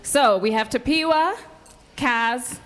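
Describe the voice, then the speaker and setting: Speaking slowly in a slightly high, fairly bright voice, this podcast host runs a live panel before an audience. She trades banter with her guests and encourages them with exclamations, heard over an event mic.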